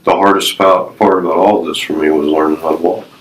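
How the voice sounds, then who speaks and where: On a rough recording, a deep-voiced man in his fifties speaks a little fast with fairly even intonation. He is a retired Navy veteran being interviewed, earnestly sharing personal stories and life advice in short, emphatic phrases that he repeats.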